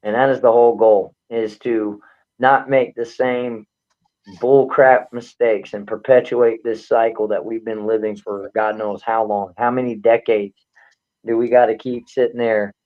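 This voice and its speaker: A man comes through a tinny, phone-like call line that buzzes and glitches. He talks in a flat, level tone while pushing his point hard, blunt and fired up, circling back to the same phrases again and again. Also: medium pitch, unhurried. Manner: blunt, fired-up, repetitive rallying speech. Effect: buzzy, glitchy call audio. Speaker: guest activist. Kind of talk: impassioned advocacy talk on a live show. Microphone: remote call connection.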